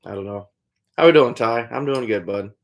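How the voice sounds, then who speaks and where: A man's voice: medium pitch, normal speed. A man chatting casually on a live stream, answering viewers in a laid-back way. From Iowa, USA. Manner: laid-back, calls chatters "buddy", trails off with "I don't know". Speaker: trapper hosting a live stream.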